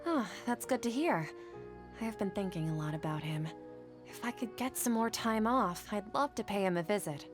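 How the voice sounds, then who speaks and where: An actress playing a kind, anxious young woman scholar in a video game, speaking gently and with concern. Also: mid-range voice, expressive, normal speed, over music, natural voice.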